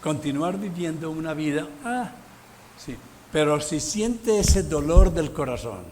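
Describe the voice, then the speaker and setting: A man preaching a Sunday sermon as pastor, emphatic, with sudden loud bursts and exclamations. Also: on the high side, expressive, a little slow, slight background noise. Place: church sanctuary.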